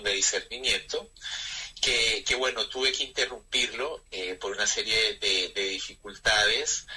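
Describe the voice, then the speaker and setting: A man in his thirties with a Colombian accent, a friar speaking reflectively and with pauses in an interview. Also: medium pitch, pushed and bright, slightly rough, rough recording. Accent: Colombian Spanish. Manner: reflective, measured, with frequent hesitations. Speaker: Carmelite friar. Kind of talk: interview conversation.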